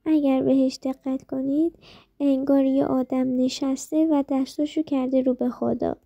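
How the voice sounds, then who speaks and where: A woman teaching a language lesson in a playful, scripted way, slowly drilling sounds with repetitions. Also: high voice, level tone, vocal fry, warm tone, muffled recording, faint music behind. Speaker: Japanese teacher.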